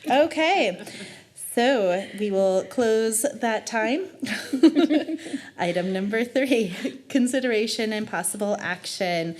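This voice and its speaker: A woman's voice: mid-range voice, expressive, slow pace. A woman chairing a public meeting, speaking in formal procedural style. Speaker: commission chair.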